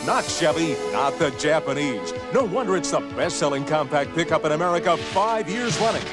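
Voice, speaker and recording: Higher-pitched man, hard-sell ad announcer. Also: expressive, normal speed. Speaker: commercial announcer. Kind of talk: hard-sell car dealer advertising. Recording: loud music bed under voice.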